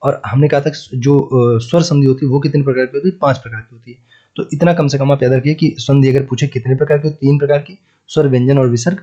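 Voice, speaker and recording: A man's voice: medium pitch, steady tone, quick pace, warm tone. A male Hindi teacher with a north Indian accent going through exam questions, repeating each answer and quizzing the listener. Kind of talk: exam-prep lesson. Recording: dull lo-fi recording.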